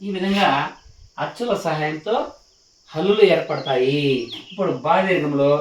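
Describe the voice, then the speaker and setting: A male teacher giving a slow, patient lesson on the sounds of letters, repeating each syllable one at a time. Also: on the high side, far from the mic, slight background noise. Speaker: Telugu teacher. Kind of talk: slow spoken lesson for children. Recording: echoey room, slightly off the mic.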